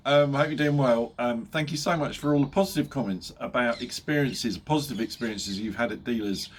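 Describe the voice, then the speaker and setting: In a brisk, mid-range voice, a middle-aged man who makes motorbike vlogs chats casually with viewers despite a nose blocked from a cold. He's talkative, cracks jokes, laughs at them himself and peppers everything with ums.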